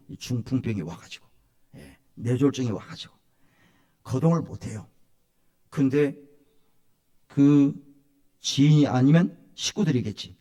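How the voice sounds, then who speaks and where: A male pastor preaching a Sunday sermon in a church, his voice pitched high for a man. His pitch swings widely as he drives his points home. He has the congregation repeat lines after him and calls for amens. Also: darkish tone. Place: church sanctuary.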